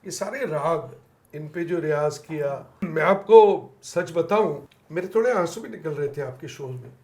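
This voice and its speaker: A male podcast host shares memories with his guest and laughs easily, dropping English phrases into his talk. His voice is pitched high for a man. He speaks slowly and deliberately. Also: lively intonation, darkish tone, reverberant. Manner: reflective storytelling, mixes in English phrases, laughs often. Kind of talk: casual interview chat.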